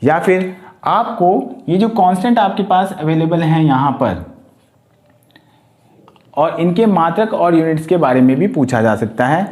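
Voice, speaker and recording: A man's voice: a little high, expressive, unhurried, a little mellow. A man teaching a lesson for competitive-exam students, explaining step by step and speaking directly to his students. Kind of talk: exam-prep lecture.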